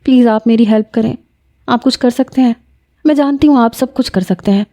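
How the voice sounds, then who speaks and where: Scared young student girl, played by a woman narrator, pleading, pitched up, mellow. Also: no echo, lightly acted. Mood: tearful pleading. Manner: pleading, breathless, higher voice. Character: frightened young female student, tearful.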